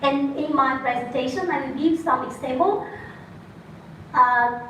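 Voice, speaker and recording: A woman with a Vietnamese accent gives an academic talk at a conference, speaking earnestly in a high-pitched, bright, forceful voice at an unhurried pace and often correcting herself mid-word. She is recorded far from the mic in an echoey conference room, with faint ambience and slight background noise.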